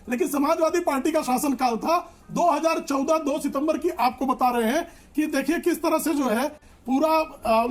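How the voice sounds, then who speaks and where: A man with a notably high voice argues in a heated televised debate. He speaks as a party spokesperson and keeps pressing his point over the others. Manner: insistent, talks over others.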